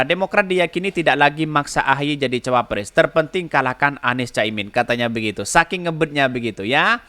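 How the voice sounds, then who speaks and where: A man's voice: fairly high pitch, sharp tone. A man hosting a solo political podcast, chatty, chuckling often as he reads out viewer comments.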